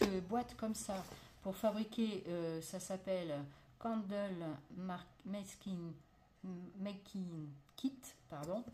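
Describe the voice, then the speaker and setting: A French woman casually showing craft supplies on a table, talking through each step with many fillers. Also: mid-range voice. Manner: chatty, many fillers and "voilà", narrating her hands. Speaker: crafts vlogger. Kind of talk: casual show-and-tell unboxing. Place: indoors at a table, not her home. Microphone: phone camera. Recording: loud crinkling and clicking noise.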